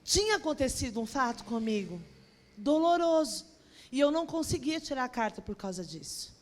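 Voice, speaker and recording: A woman pastor, telling a personal story in an animated sermon that swings from soft to loud. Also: high-pitched, normal speed. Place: large church auditorium, on stage. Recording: long reverb of a large hall.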